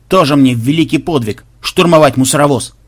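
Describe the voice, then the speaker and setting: A man voicing a gruff male space pirate chief who barks orders through a megaphone. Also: a little high, brisk. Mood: irritated.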